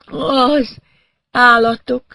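A man voicing a dazed woman in shock, speaking in halting, breathless fragments. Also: very high-pitched, steady tone, creaky, pushed and bright, pitched above the performer's own voice, exaggerated voice. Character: dazed middle-aged woman artist in shock.

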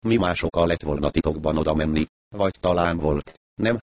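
A man reading an audiobook, voicing a cool-headed male investigator who questions suspects in a measured, probing way. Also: extremely low pitch, darkish tone, no echo. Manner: measured, probing, coolly ironic.

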